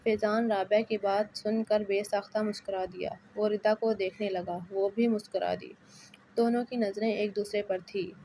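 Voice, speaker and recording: A woman narrating a romance novel in a measured, even reading. Her pitch sits in the middle and barely moves. A faint hiss lies under the voice.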